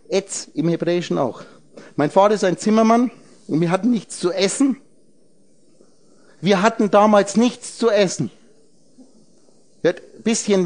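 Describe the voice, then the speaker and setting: A man's voice: sits high, a little mellow. A man lecturing a group on esoteric ideas, rambling as he breaks words into letters and numbers and puts questions straight to his listeners. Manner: talks directly to listeners with questions. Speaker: speaker addressing a group.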